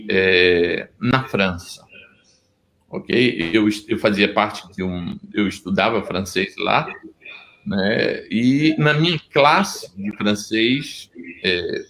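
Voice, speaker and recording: Middle-aged Pernambuco-accented Brazilian pastor, gravelly low voice, earnest interview testimony. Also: male voice, fairly bright tone, rough recording. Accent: Pernambuco Brazilian Portuguese. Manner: earnest storytelling, frequent restarts.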